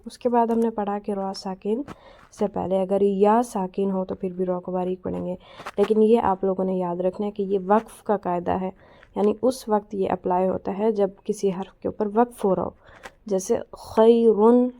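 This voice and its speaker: A woman teaching a Quran recitation lesson. She explains each rule patiently and says every example word slowly and clearly. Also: mid-range voice, steady tone, mellow. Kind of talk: tajweed lesson.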